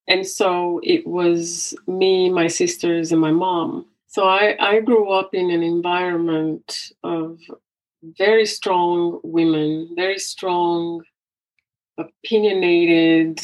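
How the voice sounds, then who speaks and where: Brief: woman from Angola, psychotherapist guest, thoughtful and unhurried, voice a touch low. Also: poor audio. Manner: reflective, with frequent restarts and soft laughs. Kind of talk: conversational interview.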